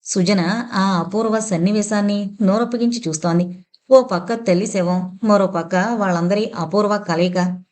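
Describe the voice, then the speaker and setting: A woman narrating a horror novel as an audiobook, reading in a dramatic, measured manner. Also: mid-range voice, a little mellow.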